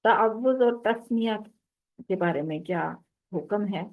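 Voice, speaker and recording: A woman teaching a tajweed lesson, explaining common recitation mistakes and slowly drawing out the Arabic words she demonstrates. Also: medium pitch, a little mellow. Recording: tinny phone-like audio.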